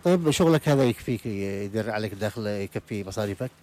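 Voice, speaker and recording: A man's voice: on the low side, expressive, quick pace, dark tone. A Yemeni man hosting a radio interview in an outdoor market, moving from formal welcomes to patient, repeated questions. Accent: Yemeni Arabic. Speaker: radio host.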